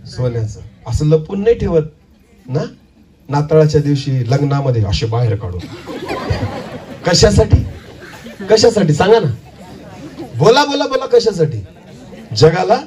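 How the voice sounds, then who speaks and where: Marathi pastor, loud animated preaching. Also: male voice, distant mic. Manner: rhetorical questions, urging the congregation to answer; swings between shouting and quiet low phrases. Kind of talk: sermon.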